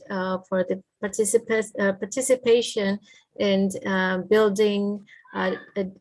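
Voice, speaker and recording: A woman's voice: mid-range voice, poor audio. A woman with an Indonesian accent, a native Indonesian speaker, giving polite, semi-formal closing remarks as moderator of an online academic lecture, phrasing things hesitantly. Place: video call.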